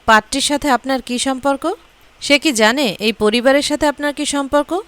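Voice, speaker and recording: A woman reads a scheming woman plotter in a storybook, pushy and full of suspicious questions. Fairly high voice, dry close sound. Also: moderate pace, a bit bright, no echo.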